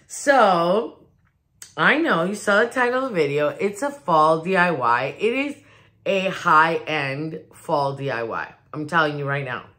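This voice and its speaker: A woman's voice: sits low, animated, a little slow, pushed and bright. Chatty woman vlogging at home. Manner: chatty, rambling, with many restarts. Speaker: DIY vlogger. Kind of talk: casual chat to camera. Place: new home, indoors. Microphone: phone on a ring light.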